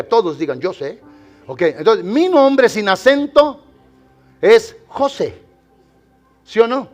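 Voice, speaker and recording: Here a high-voiced pastor preaches to the congregation face to face, his sermon moving between near-whispers and loud, exclaiming bursts.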